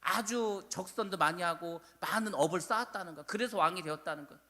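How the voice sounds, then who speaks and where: A man preaching in a church sanctuary, his voice carrying a long hall reverb. He sounds high and bright. He tells stories with animation and acts out the quoted speech. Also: fast. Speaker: pastor. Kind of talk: sermon.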